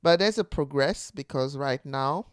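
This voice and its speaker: An Ivory Coast teacher in her forties who hosts a channel shares unscripted personal reflections with the camera, feeling her way toward the right words. Her deep voice is unhurried, and the studio sound is clean and echo-free.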